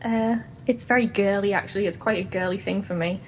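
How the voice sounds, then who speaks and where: A woman's voice: medium pitch, fairly even intonation, fairly quick, a little hiss or hum. A young woman, a guest on a podcast, chatting cheerfully and laughing often. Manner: giggly and cheerful. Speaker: ASMR artist and podcast guest. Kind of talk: casual interview chat.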